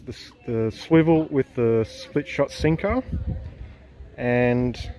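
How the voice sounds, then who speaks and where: A man's voice: mid-range voice, a little mellow. A man in his thirties with an Australian accent, talking through a fishing trip in a casual vlog and praising every catch with enthusiasm. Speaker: fishing vlogger. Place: parked car, then outdoors on a river jetty.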